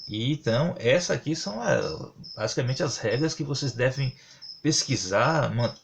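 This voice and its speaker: A man teaching a casual grammar lesson, halting often to correct himself as he works through examples. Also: medium pitch, lively intonation, creaky, a little hiss or hum. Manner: halting, many fillers and self-corrections, explains with examples.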